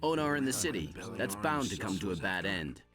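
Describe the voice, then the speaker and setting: A wary mercenary in a fantasy game, blunt and full of grievance. His medium-pitched voice moves around a lot. Music is clearly heard underneath. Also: sing-song, a little fast. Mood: blunt, aggrieved. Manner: blunt, aggrieved. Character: indignant, wary male mercenary smith's comrade. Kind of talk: video game dialogue acting.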